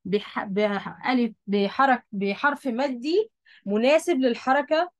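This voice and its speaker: A woman's voice: on the high side, a little slow, no room sound. Woman with an Egyptian accent teaching. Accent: Egyptian Arabic. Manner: patient, repeats key points, checks understanding. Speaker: Quran recitation teacher. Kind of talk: explaining a lesson at a board.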